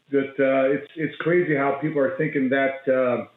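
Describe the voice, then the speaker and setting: A man's voice: mid-range voice, a little slow, very echoey. A man in his fifties, an author calling in to a radio talk show on speakerphone, earnestly explaining money habits. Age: 50s. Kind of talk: call-in radio interview. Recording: tinny, dry speakerphone line.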